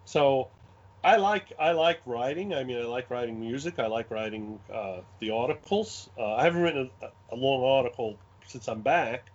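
A man with a Brooklyn accent chatting casually in an animated, rambling way, often repeating his phrases. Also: mid-range voice, moderate pace. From Brooklyn, New York. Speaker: guest, game scenario designer. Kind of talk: casual chat, anecdotes. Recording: dull lo-fi audio.

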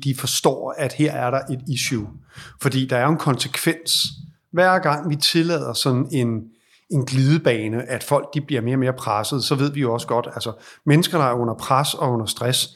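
A man working as a leadership advisor, explaining at length in a reflective, conversational way with frequent restarts. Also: medium pitch. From Denmark. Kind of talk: conversational advice in interview.

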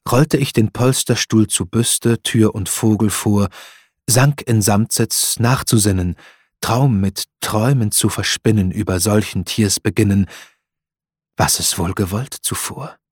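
Husky, slow man reciting dramatic verse. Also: on the low side, no room sound, clean studio sound. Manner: impassioned, swelling to loud outcries. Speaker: professional speaker reciting a poem.

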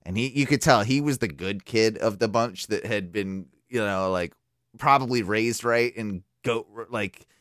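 A man's voice: on the low side, measured pace, fairly bright tone, no room sound, studio quality. A man hosting a radio show, telling a profane, rambling story in casual chat.

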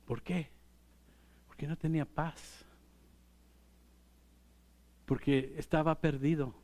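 A middle-aged male pastor, preaching in a relaxed, conversational way. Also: on the high side. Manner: unhurried, conversational preaching with light laughs. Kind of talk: sermon.

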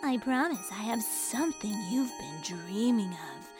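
An actress playing a sweetly sinister old woman shopkeeper in a radio ad, cooing and drawn-out. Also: mid-range voice, expressive, music in the background, natural voice. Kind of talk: radio ad parody.

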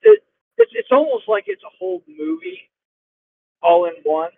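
A man's voice: extremely high pitch, wildly swooping pitch, moderate pace, vocal fry, no room sound. Man on a muffled line, like into a fan. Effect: muffled line, like talking into a fan. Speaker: guest on a call. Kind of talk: casual podcast chat. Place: inside his truck. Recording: tinny phone-like call line.

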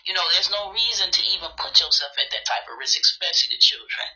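A low-voiced woman hosts a casual call-in show, pressing her points with emphatic repetition. Her tone is bright and forward, but it comes through dull and lo-fi, as if over a phone line. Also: lively intonation, fast talker. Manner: emphatic, repeats herself. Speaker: host.

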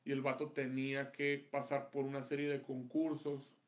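A man's voice: medium pitch, flat delivery, moderate pace. A man with a Mexican accent, co-hosting a casual podcast with crude, profane, slang-heavy banter. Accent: Mexican Spanish. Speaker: podcast co-host. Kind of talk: casual comedic chat.

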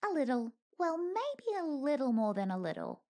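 A woman's voice: high-pitched, very animated, normal speed, dark tone, voice pushed up. A woman voicing a small, cheeky female winged animal companion who trades dry quips in a raised, perky voice.

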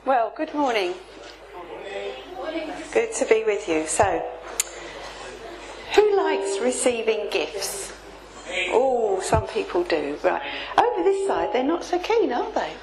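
A woman's voice: fairly high pitch, sing-song, takes it slowly, long pauses. A woman giving a sermon as a guest preacher in a church hall, chatty and asking the congregation questions, her voice carrying an echo through the hall speakers. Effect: echoey sound from the hall speakers.

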